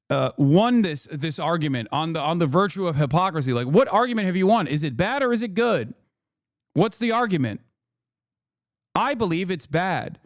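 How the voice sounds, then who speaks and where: A man's voice: sits high, no room sound, clean studio sound. A man doing heated live-stream commentary, blunt and profane as he argues with his chat. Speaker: streamer reacting to clips.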